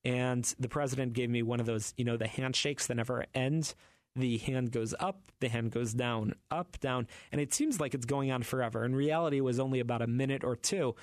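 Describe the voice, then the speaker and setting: A man hosting a radio talk show, telling a story and acting out the quotes in a lively way. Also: medium pitch, brisk, dry recording.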